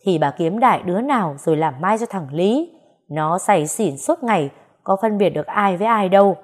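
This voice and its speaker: A woman's voice: mid-range voice, animated, normal speed, lightly acted. A woman voicing a lecherous middle-aged man who wheedles and makes excuses. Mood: wheedling.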